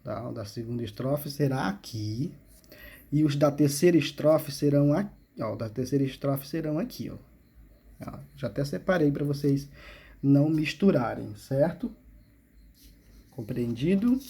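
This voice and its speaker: A man's voice: medium pitch, lively intonation, unhurried, pauses often, mellow, breathy edge. A male teacher, explaining a school exercise step by step and checking in with frequent questions. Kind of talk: remote classroom lesson.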